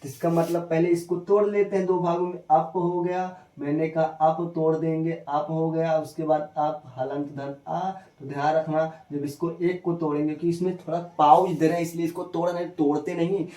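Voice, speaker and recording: A man's voice: on the high side, little pitch movement, warm tone, distant mic. Man teaching spelling in an echoey room. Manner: repeats himself, quizzes viewers with quick questions. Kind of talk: spoken spelling lesson.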